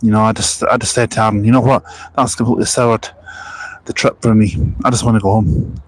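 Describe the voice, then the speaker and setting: A young man on a live stream at a bus park and ride chats casually in a lowish, steady, brisk voice, wandering between stories, noting passing buses, and reading viewer comments aloud. There's no echo, though the recording is rough.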